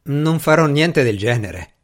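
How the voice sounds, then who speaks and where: A man voicing a confident, dismissive male magician in an audiobook, speaking in a brisk way. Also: a little high, lively intonation.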